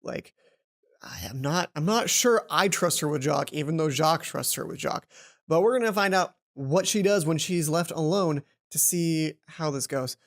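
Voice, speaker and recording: A let's play host reads visual novel text aloud and comments on it, delivering the lines dramatically and expressively with drawn-out emphasis. The voice sits at a medium pitch, and music plays behind it.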